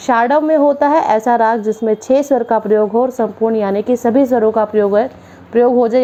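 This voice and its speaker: With a fairly high pitch and a dark tone, this music teacher from Haryana, India, leads a classroom-style theory lesson. She defines every term simply, moving step by step.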